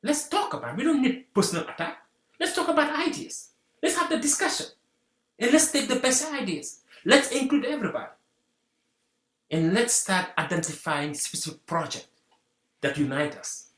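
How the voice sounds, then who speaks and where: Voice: mid-range voice, moderate pace. Guest, earnest and rallying, voice swinging widely, roomy echo. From Senegal. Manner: animated, repeats rallying phrases. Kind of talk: earnest community talk.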